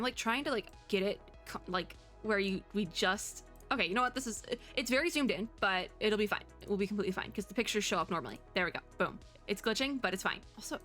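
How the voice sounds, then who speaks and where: A young woman streamer reacts live to game trailers, chatty, enthusiastic and informal. Her voice is medium-pitched and a bit bright.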